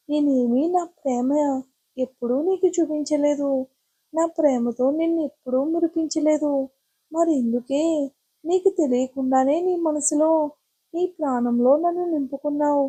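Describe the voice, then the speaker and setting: A tearful, devoted young woman in an audio storybook, as the narrator reads her. She pleads with deep emotion. The voice is high and mellow.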